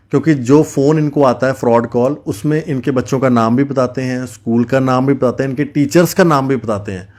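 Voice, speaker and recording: A man's voice: medium pitch, darkish tone. A man, a news reporter speaking earnestly to viewers from a family's home and interviewing them. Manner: earnest, addresses viewers directly with appeals.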